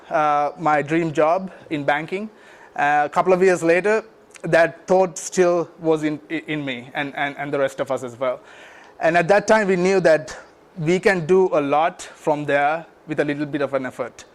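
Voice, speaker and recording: Sri Lankan man, halting speech. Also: a little high. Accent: Sri Lankan English. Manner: halting, many fillers and restarts. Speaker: nonprofit founder giving a talk. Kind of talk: speech to an audience.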